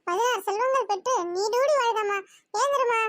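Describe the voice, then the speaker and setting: A woman voicing a squeaky bossy cartoon mother. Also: moderate pace, a bit bright, no room sound, studio quality. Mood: cheerful. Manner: scolding, fussing. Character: bossy middle-aged mother pushing a marriage. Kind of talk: cartoon voice acting.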